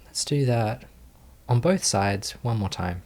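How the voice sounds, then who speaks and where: A meditation teacher with a mid-range voice guides a meditation, speaking gently, calmly, and without hurry. He leaves long pauses between phrases.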